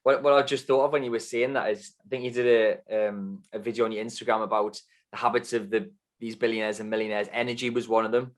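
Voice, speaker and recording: A man's voice: fairly low pitch, level tone, fast, hardly any pauses. A man hosting an interview in a casual, friendly way who jumps in with questions. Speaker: podcast host.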